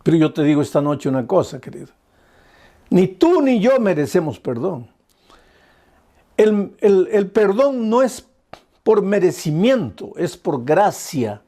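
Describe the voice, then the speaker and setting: A man's voice: high-pitched, very animated, measured pace, pauses often, dark tone. A male pastor delivering an earnest, pleading sermon full of repeated phrases.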